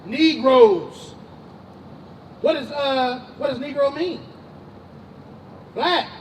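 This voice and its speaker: A man's voice: very high voice, drawn-out words, recorded from a distance, a little hiss or hum, rough recording. A man street preaching, emphatic and slangy, calling on a reader and questioning the crowd outdoors.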